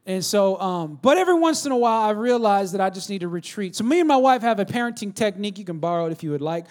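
Man, pastor, sermon, high-pitched voice, conversational storytelling. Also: animated, fast, a little mellow. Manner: conversational storytelling, asks the congregation to respond.

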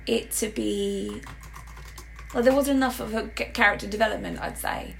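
A woman with a hoarse, croaky voice hosting a casual film and TV podcast, animated and jokey, with emphatic exclamations. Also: mid-range voice, normal speed, a little hiss or hum, poor audio. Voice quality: hoarse, croaky voice with gravelly creak. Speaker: podcast host.

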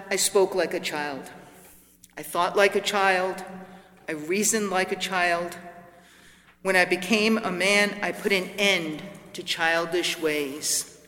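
A man reading scripture aloud at Mass in a deliberate, solemn way, his voice carrying a long church reverb. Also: sits high, pushed and bright. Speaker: lector. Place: large church. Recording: long echo of a large church.

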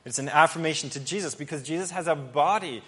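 A male pastor preaching an earnest, emphatic sermon with pauses and restarts. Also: fairly high pitch, a bit bright. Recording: long hall reverb.

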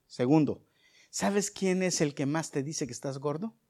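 A middle-aged pastor delivers a sermon in a fairly high-pitched male voice. He drifts into soft, conversational storytelling, then climbs into loud, emphatic preaching. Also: unhurried. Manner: swings from soft asides to loud preaching bursts.

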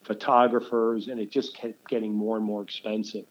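A man's voice: lowish voice, level tone, moderate pace, highs cut off. An older man, telling stories in a casual interview, rambling and restarting his sentences often. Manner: rambling, with many restarts and fillers. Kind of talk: casual storytelling.

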